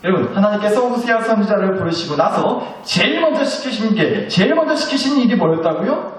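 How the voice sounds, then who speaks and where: A man preaching a sermon as pastor, telling stories in a lively, joking way. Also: sits high, fairly quick. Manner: lively, joking storytelling with acted quotes. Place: church sanctuary. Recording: echoey church hall, mic from a distance.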